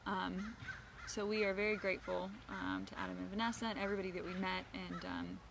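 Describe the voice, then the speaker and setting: A woman's voice: medium pitch, lively intonation, fairly quick, gravelly, noisy background. A woman co-hosting a vlog, telling stories in an upbeat, giggly way. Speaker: vlog co-host. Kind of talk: casual recap chat. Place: outdoor campground.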